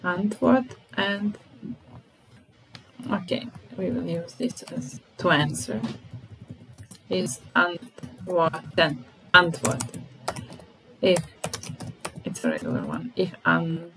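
A woman teaching German vocabulary, explaining in English and slowly repeating each word and verb form. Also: on the low side, very animated, low-quality recording. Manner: slow and deliberate, repeating each word and conjugating verbs. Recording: music playing under the voice.

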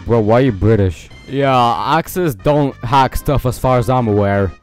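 A man's voice: medium pitch, unhurried, darkish tone, soft background music. A man narrating a comedic game meme, bickering and switching between silly character voices. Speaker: meme video creator.

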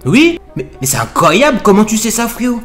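Over loud music, a young man pushes his voice up into a high, brisk, swinging pitch to play a cocky, touchy young Guadeloupean with a thick accent in a video-chat prank. Sounding offended, he is exaggerated and indignant and keeps saying "frérot".

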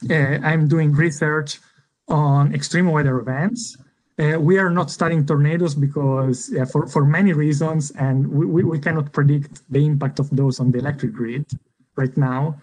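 A man's voice: on the high side, measured pace, a little mellow, poor audio. A man, an assistant professor, introducing his research on a video call, hesitant with many fillers. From Italy. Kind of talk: online panel self-introduction.

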